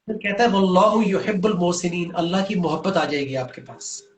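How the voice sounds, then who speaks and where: A man's voice: on the high side, lively intonation, roomy sound. A man explaining Quranic teaching in an earnest, patient way, reciting short Arabic verses as he talks. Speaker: guest speaker on religion.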